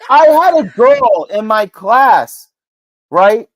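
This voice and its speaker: A middle-aged man hosting a sports podcast, talking in an excitable, rambling way with big swings in pitch and loudness. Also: a little slow. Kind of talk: casual sports commentary.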